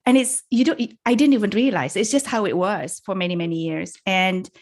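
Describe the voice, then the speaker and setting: A woman's voice: mid-range voice, a little fast. A middle-aged woman from Indonesia, a guest in a casual interview, speaking reflectively and laughing often as she restarts her sentences. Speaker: podcast guest.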